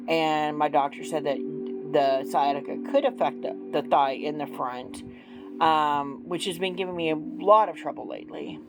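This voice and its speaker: A woman in her forties talks through a tarot spread in a loose, chatty way. She is self-deprecating and drops in ums as she goes. Her voice sits low, and music plays clearly behind her. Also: low-quality recording. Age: 40s. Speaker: tarot reader. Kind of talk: casual tarot reading vlog.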